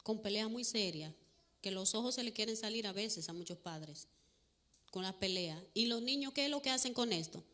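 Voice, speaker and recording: A woman giving a church parenting talk to a live audience, preachy, asking questions and answering them herself, acting out quoted voices much higher. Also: expressive, moderate pace, sharp tone. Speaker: parenting speaker.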